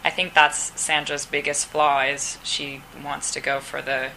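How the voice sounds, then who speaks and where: A woman's voice: sits low, level tone, unhurried, pushed and bright, a little hiss or hum, low-quality recording. A woman, an actress, answering questions at a press round table in a casual, chatty way, acting out quoted dialogue as she tells stories.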